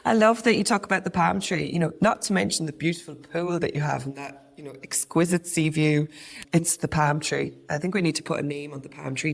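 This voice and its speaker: An Irish woman with a deep, gravelly voice co-hosts a podcast, chatting casually in an earnest, conversational way and frequently restarting her sentences.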